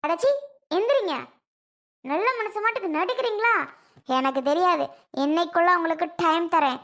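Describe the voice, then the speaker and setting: A harsh, sharp-tongued mother, as a woman plays her in a family drama skit, scolding her family and demanding what she is owed. Her voice sits very high and bright, sharp and forceful. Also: normal speed.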